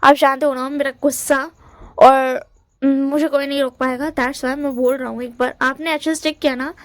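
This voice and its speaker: A woman's voice: high voice, level tone, moderate pace, no room sound, natural voice. A woman voicing a blunt, hot-tempered young man who threatens to fight, mixing English words into his talk. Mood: defiant.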